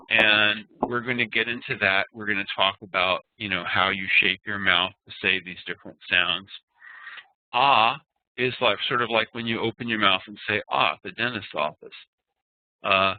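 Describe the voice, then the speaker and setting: A man teaches over a web meeting, taking his time and spelling out how each sound is made. His voice comes through thin and phone-like. There is no room echo around it. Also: lowish voice. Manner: patient, explanatory, demonstrates pronunciation and chants verses. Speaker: Sanskrit teacher. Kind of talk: online class lecture. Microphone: web conferencing call.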